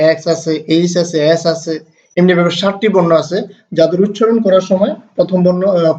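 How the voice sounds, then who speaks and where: A man with a fairly high voice teaches grammar in a recorded lesson. He explains step by step, hesitates often, and reads English examples slowly and deliberately. The recording is dull and lo-fi. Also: darkish tone. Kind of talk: recorded lesson, mixing two languages.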